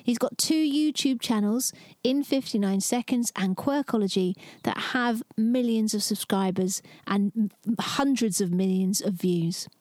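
A woman of about fifty hosting a podcast in a chatty, expressive, upbeat way, recorded inside a small trailer. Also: mid-range voice, a little slow, dry recording. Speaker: podcast host. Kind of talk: upbeat solo podcast monologue.

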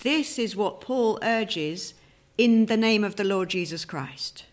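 A woman's voice: medium pitch, animated, slow. Earnest woman preaching. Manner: earnest, emphatic expository preaching. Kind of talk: sermon.

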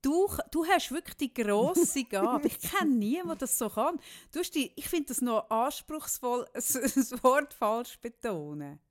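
A Swiss German woman in her thirties co-hosts a relaxed chat. She teases her partner and laughs often, and her voice sits a touch high. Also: measured pace, few pauses. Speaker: podcast co-host. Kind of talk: casual chat.

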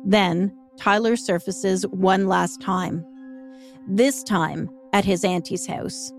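A woman narrates a true-crime podcast in a measured, steady voice, reading from a script. Clear music plays under her. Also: medium pitch.

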